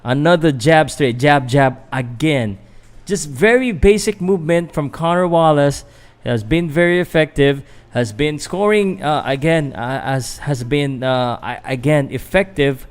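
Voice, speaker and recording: His voice a little high and a little slow, a young Filipino boxing commentator and channel host chats loosely through a live fight. He hesitates, leans on fillers, and keeps responding to viewers' messages.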